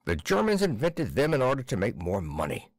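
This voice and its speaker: Man playing a stubborn old tailor, curt and decisive, slightly low, dry close sound. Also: huge pitch swings, a little fast, no echo. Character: blunt one-eyed male tailor, stubborn.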